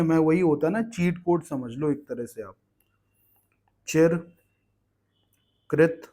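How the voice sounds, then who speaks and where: Slow-paced male grammar teacher. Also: on the high side, a little mellow. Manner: explains patiently, asks "ठीक है" often. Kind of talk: exam-prep grammar lesson.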